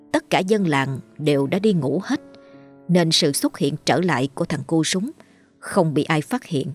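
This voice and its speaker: Husky low-voiced woman telling a ghost story. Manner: calm, measured storytelling. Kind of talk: scripted ghost story narration.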